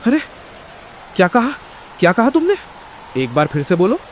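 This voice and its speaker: A man's voice: mid-range voice, lively intonation, a little slow, slight background noise, close to an everyday voice. A man voicing a poor village husband in a cartoon who laments his fate and flares up when accused of grumbling. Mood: indignant.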